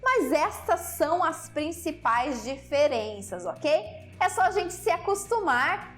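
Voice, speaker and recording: A Brazilian woman who teaches English, speaking to viewers in a lively, chatty way. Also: sits high, slow, soft background music. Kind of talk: explaining to viewers.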